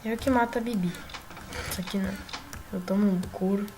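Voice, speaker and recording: A woman with a Brazilian Portuguese accent giving casual gameplay commentary as a gaming YouTuber, excitable and often yelling at the game. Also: mid-range voice, fairly quick, background noise.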